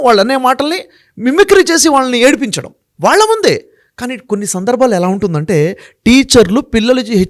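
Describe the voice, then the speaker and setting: A man speaking as an interview guest, making emphatic points one by one and putting rhetorical questions to the host. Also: very high-pitched. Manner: emphatic, works through numbered points. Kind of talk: explaining in a sit-down interview.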